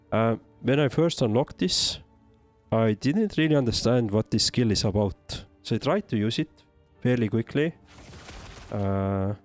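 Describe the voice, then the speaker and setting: An Estonian game streamer with an Estonian accent gives casual livestream commentary and answers chat, hesitating and thinking aloud. His voice sits on the low side and sounds a little mellow.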